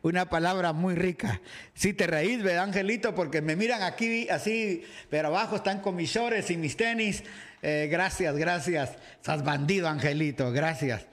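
A man's voice: sits high, moderate pace. A man from Ecuador, a pastor preaching in a livestreamed sermon who reads a Bible passage, acts out its crowd and greets viewers' comments by name. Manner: animated, acts out the crowd and shouts in the story. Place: home, dressed casually for a live video.

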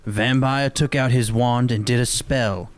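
A man giving a mock-serious, deadpan comedic reading of a story, with music behind him. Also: mid-range voice, a little slow. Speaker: reader.

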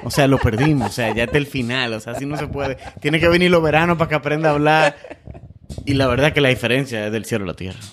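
A man co-hosts the interview, talking quickly. His manner is joking and conversational. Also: medium pitch, slight background noise.

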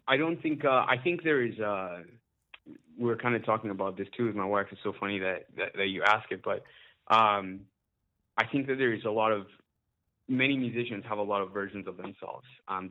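A man's voice: lowish voice, normal speed. A man from Uganda, a musician being interviewed, talking casually with many hesitations and frequent laughs. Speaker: musician guest. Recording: tinny phone-like line.

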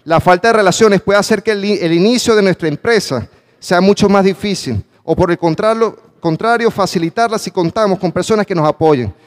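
Male motivational speaker with a fairly high voice, pitching questions to a live audience and hammering his points home. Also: fairly quick. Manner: emphatic, calls for audience response. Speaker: conference speaker. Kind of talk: motivational talk. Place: conference hall with a live audience.

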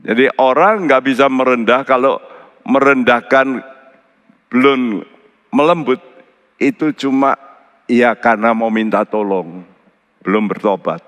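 A male pastor preaching in an earnest tone. He keeps turning to the congregation as brothers and sisters. His voice climbs sharply on key words and sinks low and soft on grave ones. The sound carries a long hall reverb. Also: a little slow, pauses often, clear, resonant tone. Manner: pitch jumps high for emphasis, drops low and quiet for solemn points. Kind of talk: sermon.

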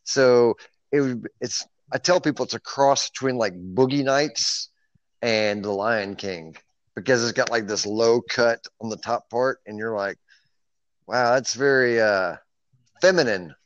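A man's voice: mid-range voice, a little slow, dry recording. Male podcast co-host, playful and jokey, dry close sound with a muffled lo-fi quality. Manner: joking, playful, laughs often. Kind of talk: casual podcast chat. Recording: dull lo-fi sound.

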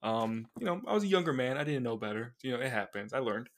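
Animated young man telling stories. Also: medium pitch, fast. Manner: animated storyteller, does mocking voices. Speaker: podcast co-host. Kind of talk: casual comics podcast chat.

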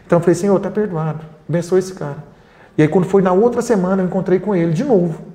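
Man, Brazilian, charity founder, earnest storyteller, quoted dialogue, mellow tone, echoey room. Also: high voice, racing. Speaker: founder of a charity for homeless people. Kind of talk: interview storytelling. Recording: roomy echo.

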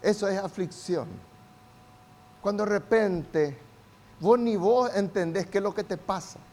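A man delivers a sermon in a very high voice. He calls on the congregation to repeat after him, and his delivery climbs to shouting. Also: measured pace. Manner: call-and-response preaching, builds to shouts. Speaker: pastor.

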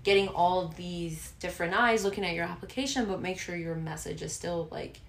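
Her voice lowish and creaky, this young woman talks fairly quickly as she co-hosts a casual podcast chat stuffed with fillers. The recording is echoey with slight background noise.

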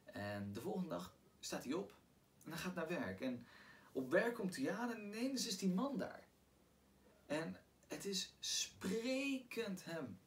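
A man hosting a book podcast, casually retelling a novel's plot in a halting way, often repeating words and restarting. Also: sits high, sing-song. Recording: distant mic, faint background noise.

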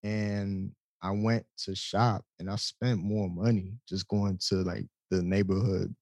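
A man's voice: sits low, level tone, measured pace, darkish tone, dry recording. A young man co-hosting a podcast, talking in laid-back, blunt casual chat full of slang. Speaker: podcast co-host.

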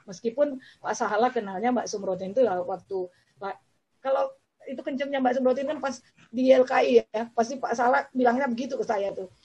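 A woman host with a high voice leads an online panel. She is animated and teasing, with lots of exclamations. Her voice comes through as dull, lo-fi video-call audio. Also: a little fast, husky. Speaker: moderator, host. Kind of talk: lively online panel moderation.

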